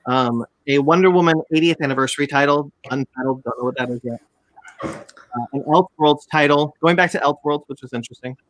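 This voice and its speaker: A man's voice: a little high, fairly quick, fairly bright tone, dry recording, rough recording. A man hosting a casual comics news chat, hesitant with many restarts, his call audio glitching and cutting in and out. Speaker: podcast host.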